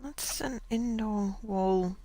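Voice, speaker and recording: A woman gives casual game commentary in a playful, quippy way. Her medium-pitched voice has plenty of creak in it. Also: slow, warm tone, no room sound.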